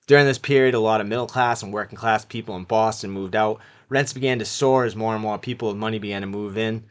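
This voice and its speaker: A man's voice: lowish voice, a bit bright. A man from the Massachusetts North Shore hosting an informal history video from a living room, plain-spoken and chatty with viewers. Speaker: video host. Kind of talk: informal local-history narration and chat.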